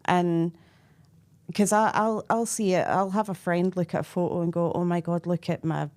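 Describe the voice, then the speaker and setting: A woman's voice: fairly low pitch, steady tone, normal speed, a little mellow. A woman speaking as a podcast guest, earnest and open in casual chat. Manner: earnest, open about insecurities.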